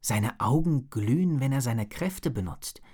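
A curious young boy from a read-aloud dragon story, voiced by a man reading. The voice stays near the reader's own, slow and slightly husky. It wonders aloud in a low, even way. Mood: thoughtful.

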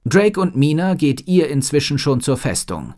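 A man's voice: a little high, very animated, moderate pace, a little mellow, pitched above the performer's own voice. A man reading a storybook and voicing a thoughtful male wizard who gives firm orders. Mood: commanding.

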